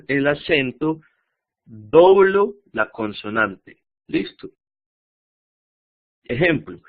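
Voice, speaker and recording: A man teaching an online grammar lesson, patiently repeating words and checking in with his students. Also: mid-range voice. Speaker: English teacher. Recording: tinny phone-like audio.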